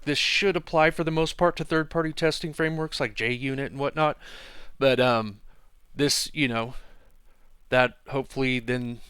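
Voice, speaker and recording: A man's voice: mid-range voice, clean tone, no room sound. A man giving a casual screencast coding tutorial, thinking aloud with fillers as he types at his desk. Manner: relaxed, thinking aloud with fillers while typing. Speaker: programming instructor.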